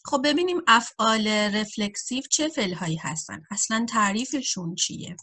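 A woman teaching a German grammar lesson, addressing viewers directly and saying example sentences slowly and carefully for learners. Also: a little high, lively intonation, pushed and bright. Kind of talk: grammar lesson explained in Persian.

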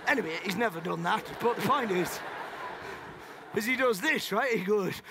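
A man's voice: high voice, animated, moderate pace, gravelly. A male comedian with a Northern English accent doing improvised stand-up on a theatre stage, rambling between tangents and laughing at his own jokes. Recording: live theatre with audience noise.

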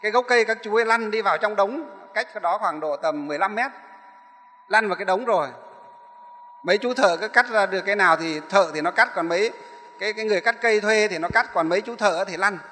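Brief: high, bright monk telling a sermon story, rambling, hall echo. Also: male voice, fast talker, a little hiss or hum. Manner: rambling, repeats and corrects himself. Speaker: Buddhist monk, abbot. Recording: echoey hall.

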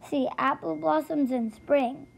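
A woman's voice: sits high, unhurried, creaky, heavily acted. A woman reading the lines of a cheerful young girl in a children's storybook, stumbling over some words.

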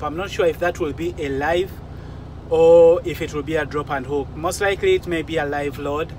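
A fairly high-pitched man of about forty, a truck driver vlogger, gives advice and explains things casually to his audience. He's recorded mostly inside his truck cab, sometimes outdoors, by a phone or camera at arm's length, and the audio is noisy with vehicle ambience.

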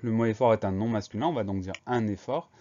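A man teaching a spelling lesson, spelling words out letter by letter in a slow, careful way. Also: lowish voice, mellow, muffled recording.

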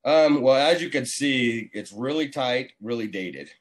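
A contractor in his forties, easygoing and casual, talks as a guest in an interview over a video call from a small indoor room. His medium-pitched voice is animated but a little slow, picked up by a computer mic.

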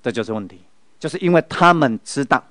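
A middle-aged man with a Taiwanese Mandarin accent delivers a Buddhist lecture in a medium-pitched voice. He tells stories and keeps checking in with his listeners through rhetorical questions. The recording is dry, with almost no room sound. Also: animated, quick pace, a bit bright, no echo. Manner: storytelling, with many rhetorical questions to the audience. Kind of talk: spiritual lecture.

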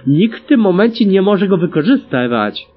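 A man voicing a brash young female pegasus squad leader who shouts orders. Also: sits high, sing-song, normal speed. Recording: dull lo-fi recording.

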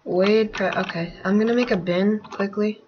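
A woman casually narrating her gameplay as a channel host, rambling with many fillers and sudden excited outbursts. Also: mid-range voice, normal speed, highs cut off, noisy background.

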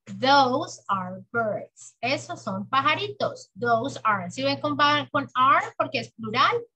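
A woman teaching English to children, patiently drilling words slowly and clearly in a bilingual lesson. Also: on the high side, bright, forceful tone, low-quality recording. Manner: patient, exaggerated slow pronunciation for children. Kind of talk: bilingual classroom lesson, slow drilled repetition.

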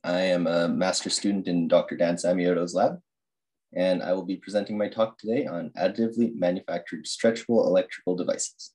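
A young man, a master's student, giving an academic slide presentation over a screen-recorded video call, halting with many fillers and restarts. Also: sits low, fairly even intonation, darkish tone.

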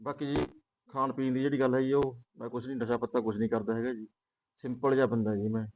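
A man's voice: medium pitch, little pitch movement, fast talker, a little mellow, close to an everyday voice, low-quality recording. A man playing a modest young suitor who speaks politely and deferentially. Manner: polite, deferential, using 'ji'. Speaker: prospective groom.

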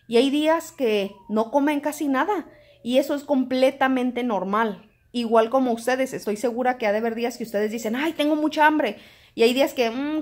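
A woman, chatting to camera in a home vlog and telling stories in an animated way. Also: fairly high pitch. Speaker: home vlogger. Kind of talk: casual chat to camera.

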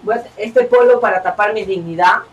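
A young man hosting a gaming channel, talking casually and excitably over his game, swearing and yelling at the screen. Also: sits high, brisk, dull audio.

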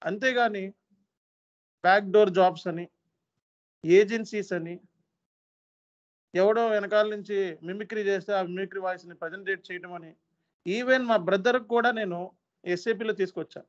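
A man with a high voice lectures his trainees sternly and hammers each point home with repetition. He sounds like an earnest instructor pleading with his students. The recording is dull and lo-fi. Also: fairly even intonation, normal speed, long pauses.

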